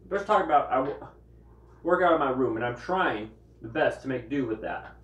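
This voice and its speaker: A man's voice: medium pitch, expressive, fairly quick, a bit bright, far from the mic, highs cut off. Man, casual bedroom vlog, rambling, talks while eating, roomy echo, a bit off-mic. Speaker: vlogger. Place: his bedroom.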